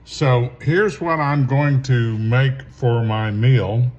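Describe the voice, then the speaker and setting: A man talks through his kitchen ingredients at an unhurried, easygoing pace. He rambles into opinionated asides, with a middle-of-the-road pitch. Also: steady tone, darkish tone, lo-fi sound. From southern Louisiana. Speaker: home cooking show host. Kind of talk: casual cooking vlog commentary.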